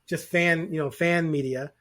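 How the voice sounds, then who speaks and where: A man's voice: on the high side, fairly even intonation, moderate pace, fairly bright tone. A man co-hosting a sports podcast in casual chat, rambling and acting out quoted voices.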